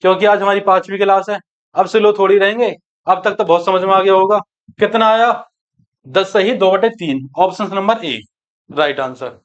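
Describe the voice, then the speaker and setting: A man's voice: high voice, moderate pace. A man from teaching a maths class, working each problem aloud and asking his students questions. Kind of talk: exam-prep maths lesson. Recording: dull lo-fi online class recording.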